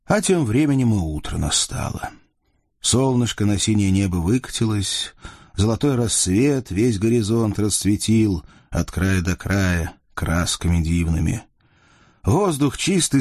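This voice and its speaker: A man narrating a folk-style tale in a lilting storybook manner. His voice sits low and husky. The recording is dry and close. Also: darkish tone, dry recording.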